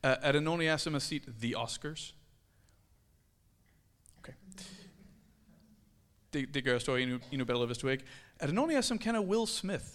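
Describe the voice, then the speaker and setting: A man's voice: a little high, lively intonation, pauses often, a bit bright. A man preaching a sermon, telling stories animatedly and addressing the audience directly. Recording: long hall reverb.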